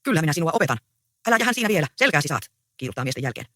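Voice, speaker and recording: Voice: mid-range voice, very animated, bright, forceful tone, no room sound, studio quality. A reader voicing a bustling, scolding farm wife. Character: bustling peasant housewife, scolding.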